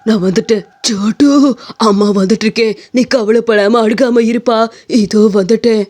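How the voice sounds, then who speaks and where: A woman's voice: fairly high pitch, steady tone, normal speed, darkish tone, natural voice. A woman voicing a grieving female ghost mother in a cartoon horror story, possessive and menacing. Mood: anxious tender. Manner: threatening, then tenderly coaxing.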